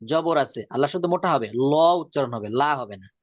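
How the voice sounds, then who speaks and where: A man teaching a Quran reading lesson. He repeats each rule patiently and draws out the example words slowly. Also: mid-range voice, lively intonation, dry recording. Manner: drawn-out slow demonstration of words.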